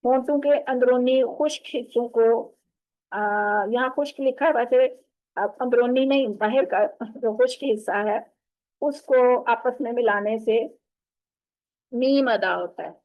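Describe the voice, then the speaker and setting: A woman teaching an online tajweed lesson, patiently explaining and modelling each sound with slow, drawn-out recitation over a video call. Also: on the high side. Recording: tinny phone-like online call audio.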